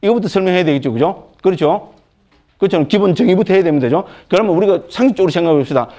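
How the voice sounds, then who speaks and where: An older male monk lectures on Buddhist texts in a lively, conversational way. His voice sits a little higher than most men's. He keeps tossing rhetorical questions to his listeners and checks they follow. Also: rapid-fire. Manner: animated, rhetorical questions with frequent tag questions. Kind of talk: dharma lecture.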